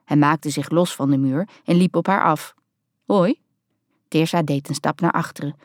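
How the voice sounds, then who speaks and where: A woman narrating a novel in a steady, even storytelling manner. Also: deep voice, normal speed, dry recording, studio quality. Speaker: audiobook narrator.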